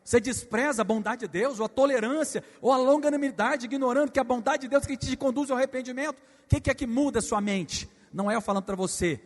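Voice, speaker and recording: A pastor with a high voice preaches to his church, leading call-and-response lines with the congregation. He drops to soft asides and then bursts into shouts. His voice rings with a long hall reverb. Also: fast talker, few pauses. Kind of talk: sermon.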